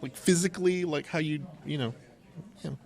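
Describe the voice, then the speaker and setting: This middle-aged American podcast host has a gravelly, darkish voice on the high side and talks a little fast. He trades casual stories and banter at a local game store, straying often into asides.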